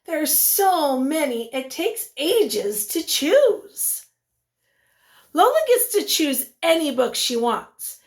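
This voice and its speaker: In a high, very animated voice, a woman teacher brings a picture book to life for small children, stopping to ask them things as she goes.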